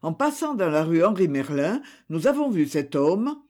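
A man's voice: on the high side, big pitch swings, normal speed, darkish tone. A man voicing a police officer who reports what he saw, respectful and assured. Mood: firm. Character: dutiful police officer giving testimony.

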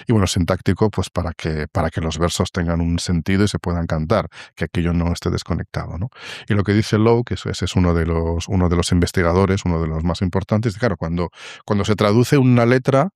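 A man answering interview questions, often restarting and filling pauses as he explains. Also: deep voice, a little mellow, no echo, clean studio sound. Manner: hesitant, many restarts and fillers. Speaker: guest, song translation author. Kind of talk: interview conversation.

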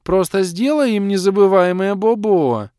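A man's voice: high voice, measured pace, darkish tone, clear, resonant tone, dry recording, studio quality, pitched above the performer's own voice. A man voicing a spoiled, pampered young woman who pleads and pouts in a whiny, sing-song way, in an audiobook reading. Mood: pouting.

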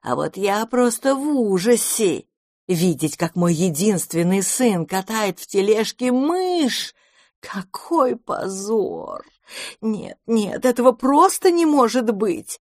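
A woman voicing a huge grey mother cat in a storybook, speaking in a drawn-out, insinuating way. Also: mid-range voice, very animated, a little mellow, no room sound, studio quality, pitched above the performer's own voice. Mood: disdainful.

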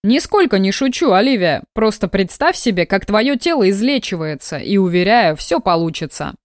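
A woman reading the lines of a lazy, mocking male mage mentor in an audiobook, in a drawling, unhurried way. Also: medium pitch, very animated, no room sound, clean studio sound, lightly acted. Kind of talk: audiobook character voice.

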